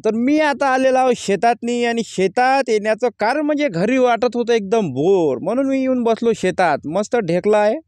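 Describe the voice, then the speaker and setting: A man's voice: sits high, a little mellow, dry recording. A man, a farmer vlogging casually from his field and speaking bluntly about crop prices. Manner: plain-spoken, rising to angry complaint. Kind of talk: casual vlog talk to camera. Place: outdoors in a farm field.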